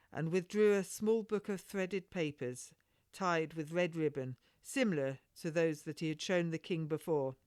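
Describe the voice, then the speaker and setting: A woman author with a low voice reads her own historical novel aloud as informal, scripted storytelling for an audiobook. Her narration is unpolished, with stumbles and self-corrections, captured in clean studio sound without echo.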